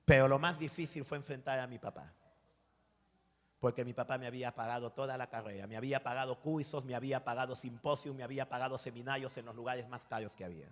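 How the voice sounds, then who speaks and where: A man in his forties with a Peruvian accent gives a lively sermon testimony, acting out dialogue and calling listeners brother. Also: medium pitch, quick pace, long reverb tail. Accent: Peruvian Spanish. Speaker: preacher giving testimony.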